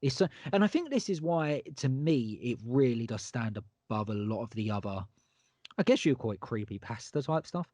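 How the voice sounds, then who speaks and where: A man's voice: medium pitch, expressive, moderate pace, dark tone, no echo. A man co-hosting a horror podcast in casual chat, enthusiastic and emphatic, often repeating himself. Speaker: podcast co-host.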